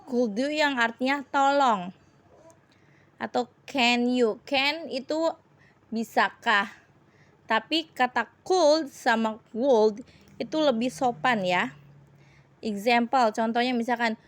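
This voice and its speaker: A woman English teacher with an Indonesian accent, giving a recorded grammar lesson and repeating each example slowly. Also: fairly high pitch. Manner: slow, explains in Indonesian and repeats English examples, rising on "please".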